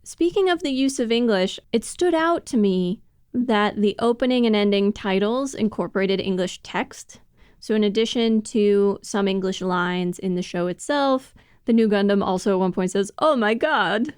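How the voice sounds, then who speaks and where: Smooth-voiced woman podcast co-host. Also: mid-range voice, moderate pace, darkish tone, no echo, clean studio sound. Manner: explanatory, laughs often while talking. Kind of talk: casual podcast discussion.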